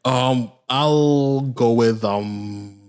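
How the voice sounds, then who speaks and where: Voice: mid-range voice, very slow, a little mellow, smooth. A podcast co-host chatting casually about a TV series, with a laid-back manner, frequent laughs and short agreeing replies. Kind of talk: casual TV review chat.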